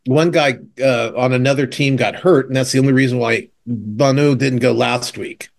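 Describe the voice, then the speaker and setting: A man co-hosting a casual chat podcast, rambling through TV recaps with lots of fillers and animated retellings. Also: mid-range voice, moderate pace, vocal fry. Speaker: podcast co-host. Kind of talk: casual chat about TV shows.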